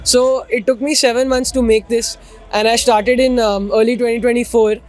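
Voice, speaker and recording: A man's voice: very high-pitched, level tone, normal speed. A teenage boy with an educated Indian English accent, politely and articulately explaining his work in an interview. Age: teenager, about 15. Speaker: student volunteer being interviewed.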